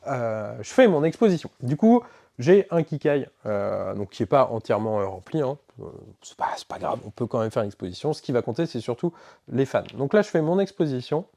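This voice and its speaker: A man's voice: medium pitch, lively intonation, a little fast, mellow. A man walking through a board game's rules in a casual, hesitant way, with many fillers. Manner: casual, filler-heavy walkthrough with self-corrections. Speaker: board game shop presenter. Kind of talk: explaining game rules. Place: board game shop.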